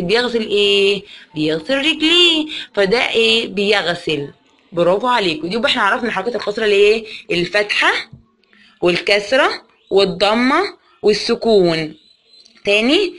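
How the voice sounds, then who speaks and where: A woman with an Egyptian accent teaching a reading lesson to young children. She asks question after question, answers them herself, and draws out words slowly. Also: medium pitch, a bit bright. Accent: Egyptian Arabic. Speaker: primary school teacher.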